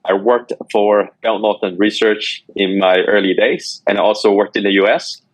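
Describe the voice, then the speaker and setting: A middle-aged man from Hong Kong answering interview questions in a measured way, with many fillers. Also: fairly low pitch, fairly even intonation, dry recording, poor audio. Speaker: guest, company executive.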